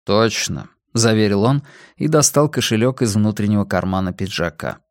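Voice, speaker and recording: A man calmly narrating a story as an audiobook reader. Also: on the low side, brisk, no room sound, clean studio sound.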